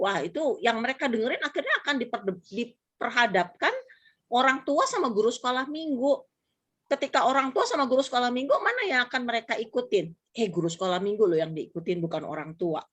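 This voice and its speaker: Brief: middle-aged woman, casual church talk guest, patient and explanatory, lively when quoting. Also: fairly high pitch. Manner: relaxed, explanatory, lively acted-out quotes. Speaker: pastor's wife and mother, guest.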